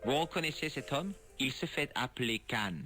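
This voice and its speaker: A man's voice: mid-range voice, expressive, moderate pace, bright, forceful tone. A male actor voicing a laid-back young private detective in an adventure game, with a dry wisecracking manner. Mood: wry, polite. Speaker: game protagonist. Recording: game audio with clear background music.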